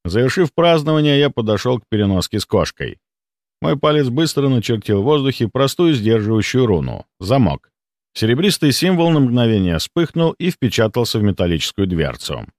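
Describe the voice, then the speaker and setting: A man reading an audiobook as narrator in an even, measured way. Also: mid-range voice, no echo, clean studio sound. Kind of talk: scripted narration.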